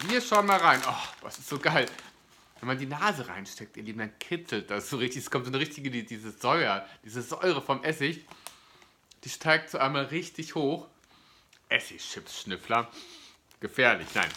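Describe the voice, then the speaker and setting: A man's voice: a little high, sharp tone, a little hiss or hum. A man, chatting casually and enthusiastically to viewers as a food review host. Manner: enthusiastic, gushing. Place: indoor living room, seated on a sofa. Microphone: camera or phone at about arm's length.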